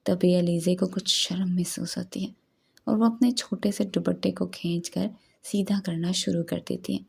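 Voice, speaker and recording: A woman narrating a romance novel as an audiobook in a steady storytelling read. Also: lowish voice, creaky, slightly rough.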